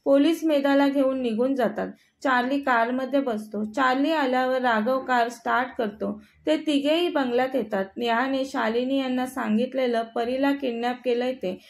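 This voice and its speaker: A woman storyteller reading a scripted story in a steady, even way. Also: sits high, moderate pace, gravelly, hardly any pauses.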